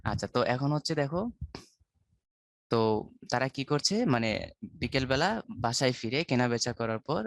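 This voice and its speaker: A man's voice: mid-range voice, a bit bright, no room sound. Man teaching an English class. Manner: explains slowly with repeated check-in questions. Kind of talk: online class lecture.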